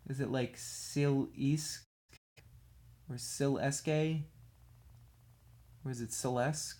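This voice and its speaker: A man's voice: mid-range voice, steady tone, very slow, long pauses, darkish tone. Rambling man chatting while painting. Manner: rambling and chatty, self-deprecating with frequent laughs; talks absent-mindedly while working with a brush. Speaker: streamer painting miniatures. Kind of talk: casual chat while painting on a livestream.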